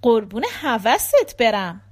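A woman reading a playful woman tailor in a storybook recording, gossipy and teasing, her voice sits a bit high and pushes louder than the narration around it. the reader keeps it close to her own voice. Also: very animated. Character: chatty teasing woman tailor, middle-aged.

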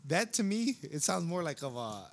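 A man's voice: fairly high pitch, sing-song, moderate pace, vocal fry. A man chatting casually on a podcast, switching between slangy English and Spanish. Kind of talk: casual bilingual podcast chat.

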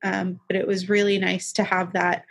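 A woman's voice: medium pitch, little pitch movement, moderate pace, vocal fry. A young woman talking as a podcast guest in a casual chat, reflective and rambling, with many restarts.

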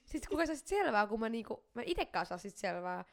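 A young woman co-hosting a casual podcast chat, talking quickly and running words together when she gets excited. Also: mid-range voice, creaky. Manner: talks fast, skips words when excited. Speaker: podcast co-host.

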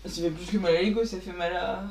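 A woman's voice: lowish voice, steady tone, quick pace, gravelly, darkish tone, far from the mic. A young woman chatting casually with a friend in a chatty, teasing way. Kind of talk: casual chat.

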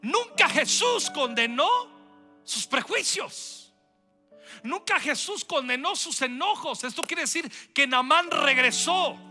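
A male pastor delivers a lively sermon and calls on the congregation to repeat after him. His voice is very high and piercing. Faint instrumental music plays underneath. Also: slow. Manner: lively preaching with acted-out quotes.

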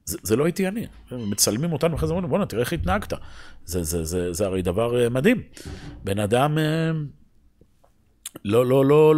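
Animated husky man teaching a religious lesson. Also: mid-range voice. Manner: animated, rhetorical questions to listeners; many restarts and repeated words. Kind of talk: Torah lesson.

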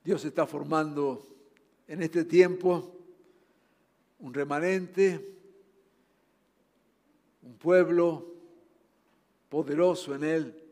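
A man with a Rioplatense Spanish accent preaching a sermon. He urges his listeners earnestly, rising loud and then dropping to soft, low passages. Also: fairly even intonation, drawn-out words, long pauses. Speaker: pastor. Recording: long hall reverb.

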